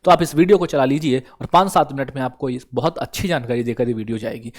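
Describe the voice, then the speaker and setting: A man's voice: medium pitch, fast. A man teaching exam prep, who keeps asking the viewer questions and answering them himself. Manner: repeats questions to the viewer and answers them, calls listeners brother.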